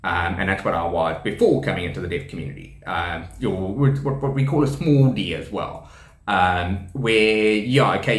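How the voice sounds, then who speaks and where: This easygoing South African man from KwaZulu-Natal, a deaf teacher and rugby player who presents a channel, speaks to camera in a deep, fairly bright voice with a South African English accent shaped by profound hearing loss. His casual explanation rambles, full of ums and restarts, and he laughs often. The room is echoey.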